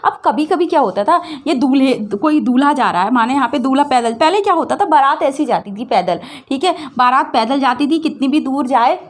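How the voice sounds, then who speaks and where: A woman teacher with a high voice talks through a school lesson. She retells the story plainly, repeats her phrases, and keeps asking her students questions as she explains. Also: lively intonation, fairly quick, hardly any pauses. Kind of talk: Hindi class revision lesson.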